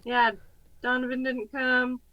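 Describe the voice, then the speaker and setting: A woman joining a podcast over a video call, her voice hoarse from illness, laughing along with the teasing. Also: high voice, completely flat delivery, a little slow, no room sound, lo-fi sound. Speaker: guest co-host.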